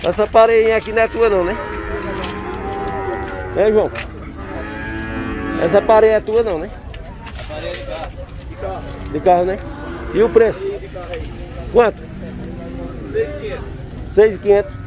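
A man asking sellers quick, friendly questions about their cattle at an outdoor market. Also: high-pitched, fairly even intonation. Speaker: vlogger touring a cattle fair. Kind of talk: casual interviewing of sellers. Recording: loud market crowd behind. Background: cattle and crowd noise.

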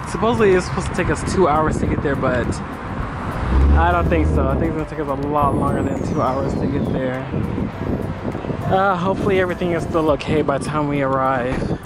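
A man's voice: on the high side, fairly quick, loud music behind the voice, rough recording. A young man chatting casually to a handheld camera, rambling and laughing often as he talks. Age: young adult. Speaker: travel vlogger. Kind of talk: casual vlog chat to camera. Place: outdoors on a busy city street. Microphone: handheld camera held close. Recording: street traffic noise behind. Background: city traffic and passing vehicles.

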